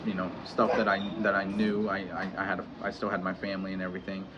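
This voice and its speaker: A man in his thirties talking candidly in a personal vlog, pausing often and restarting his sentences. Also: sits low, completely flat delivery. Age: 30s. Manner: hesitant, halting, many restarts and fillers. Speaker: vlogger. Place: home in Mexico. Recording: dull lo-fi audio with clear background noise.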